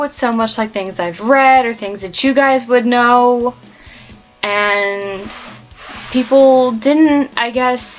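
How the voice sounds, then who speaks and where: Woman, book vlogger, raised voice, unhurried delivery, gushing, rambling, soft music behind. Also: fairly high pitch, muffled recording. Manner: gushing, ranting, rambling with fillers. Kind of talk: casual book review chat.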